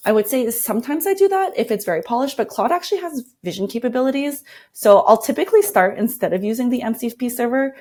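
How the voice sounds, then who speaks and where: A woman appears as a guest designer in a casual screen-share walkthrough, demonstrating her workflow and thinking aloud as she explains each step informally. Her voice is on the high side, expressive, fast, and dark in tone.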